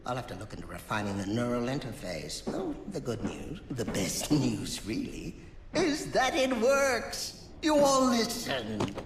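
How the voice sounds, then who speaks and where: A wildly swooping, unhinged Mad Hatter villain. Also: male voice, mid-range voice, wildly swooping pitch, a little slow, reverberant, long reverb tail, a crowd in the background. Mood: exasperated, gleeful. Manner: theatrical, overly formal, swinging between fussy and manic. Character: unhinged, pompous mad inventor villain, giddy and theatrical. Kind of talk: theatrical video game villain acting.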